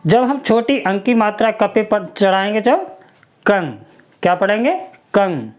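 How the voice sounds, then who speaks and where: A woman teaching a children's alphabet lesson, slowly sounding out each syllable and asking the listener to repeat it. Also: medium pitch, a little mellow.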